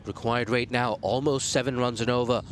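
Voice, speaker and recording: Excitable male cricket commentator. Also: moderate pace, slight background noise. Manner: rises sharply in pitch and volume on wickets and appeals. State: losing his voice. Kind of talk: live sports commentary.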